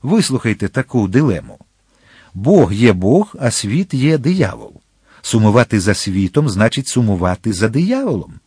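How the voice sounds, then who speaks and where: A man's voice: on the low side, very animated, moderate pace, darkish tone, slightly rough, no room sound, studio quality. A man voicing a stern, pedantic Jesuit priest who lectures with insistence in an audiobook. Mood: stern lecturing.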